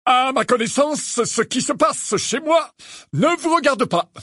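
A man voicing a pompous, indignant middle-aged man who talks loudly and haughtily. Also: extremely high pitch, animated, a little slow, slightly rough, dry recording, studio quality, voice pushed up, heavily acted. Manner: loud, stiff and haughty.

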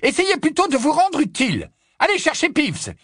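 A commanding older witch professor, stern and clipped, her voice pushed high and loud when she barks orders, as a male narrator puts her on. The tone is husky and dry. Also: very animated, moderate pace, no echo. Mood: shouting.

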